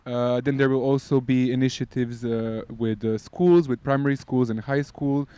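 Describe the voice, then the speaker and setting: Smooth-voiced man explaining at length. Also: medium pitch, steady tone, moderate pace, dark tone, no echo. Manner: explains at length with many fillers. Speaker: podcast guest. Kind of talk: casual podcast chat. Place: outdoors by beach volleyball courts.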